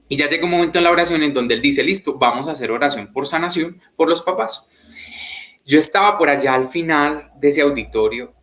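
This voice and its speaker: Young man, earnest, reflective, mid-pitched voice, personal testimony. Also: fairly bright tone. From Colombia. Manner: earnest, reflective, quotes others in a raised voice. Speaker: guest giving a faith testimony.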